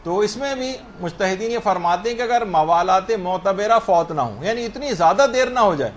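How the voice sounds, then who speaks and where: With a high-sitting voice, lively intonation, and slight background noise, a male religious teacher gives a lesson on prayer rulings. He goes step by step, answers questions of his own raising, and pronounces terms slowly and precisely.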